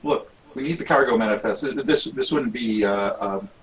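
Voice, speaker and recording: A man's voice: mid-range voice, moderate pace, fairly bright tone, low-quality recording. A man playing a tabletop role-playing game, speaking hesitantly and stammering. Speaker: player.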